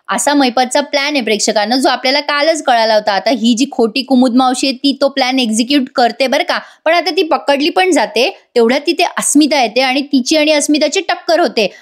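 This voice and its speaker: A woman recaps a TV serial episode in voice-over, chatting straight to her viewers. She slips English words into her talk, and her voice sits high. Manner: chatty, addresses viewers directly. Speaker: TV serial reviewer.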